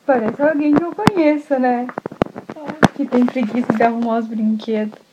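A woman telling a bedtime story to a child, lively, and often asking the listener questions. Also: a little high, normal speed, dull audio, very noisy.

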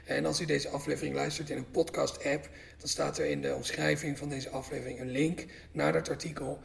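Male podcast host, gravelly, slightly higher voice, relaxed, chatty. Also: fairly quick. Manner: relaxed, chatty, self-mocking. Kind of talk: casual podcast interview and outro.

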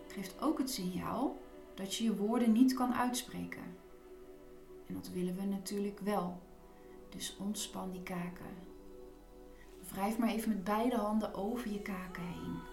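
Female relaxation guide, slow instructive delivery with gentle repeated cues, echoing room. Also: mid-range voice. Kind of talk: guided body relaxation and breathing meditation.

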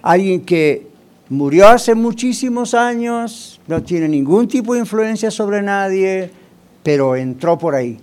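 A man's voice: high voice, expressive, a little slow, a little mellow. A male pastor preaching a sermon in a conversational way, often asking the congregation rhetorical questions.

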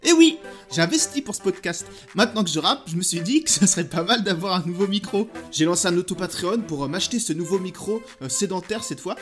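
A man's voice: high-pitched, lively intonation, fast, soft background music. A young Frenchman hosting his own film podcast, talking in a playful, self-mocking way with lots of filler sounds. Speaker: podcast host reviewing films. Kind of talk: casual comic monologue.

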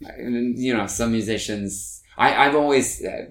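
In an unhurried, mid-range voice, a musician from Norway talks as a guest in a casual interview. A native Norwegian speaker, he tends to ramble with frequent restarts.

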